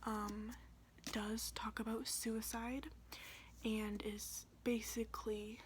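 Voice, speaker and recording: Female, whispered role-play as a librarian, higher-pitched, informal and halting, clear background noise. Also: level tone. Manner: whispering like a librarian recommending books.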